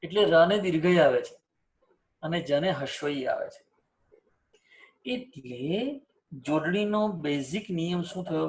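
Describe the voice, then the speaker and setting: A man with a notably high-pitched voice leads a spelling lesson. He keeps asking his students questions and drills each example word by repeating it aloud. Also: darkish tone. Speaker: teacher. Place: teaching setup with screen and cursor.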